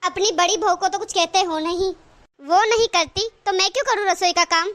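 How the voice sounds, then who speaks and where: A woman's voice: extremely high pitch, steady tone, brisk, a bit bright. A woman voicing an overworked young daughter-in-law in a cartoon who argues back and refuses chores. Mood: defiant. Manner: argumentative, complaining back.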